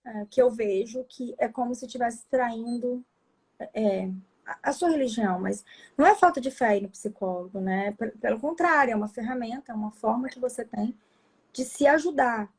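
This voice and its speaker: A woman's voice: on the high side, normal speed, slightly rough. A woman psychologist with a Brazilian Portuguese accent, talking in a casual conversation, hesitant, with frequent restarts.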